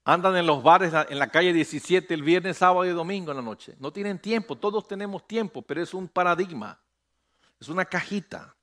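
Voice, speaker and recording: Emphatic preacher, bright voice. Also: male voice, high voice, a little fast. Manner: preaching with call-and-response, rising to emphatic peaks. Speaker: pastor. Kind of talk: sermon.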